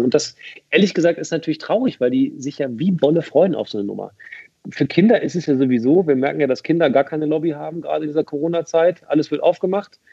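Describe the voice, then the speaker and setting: A talkative man in his thirties speaks as a podcast guest, his voice somewhat husky and a touch higher than most men's. He chats loosely, restarting sentences and piling on fillers. The sound is dry and a little dull, like modest podcast audio. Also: mellow, no room sound. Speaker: guest, event presenter. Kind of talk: casual podcast conversation.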